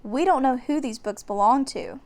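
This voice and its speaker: A woman's voice: high-pitched, moderate pace, a little mellow. A woman voicing a cautious, bookish young boy in a children's storybook, earnest and admonishing. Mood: worried, scolding.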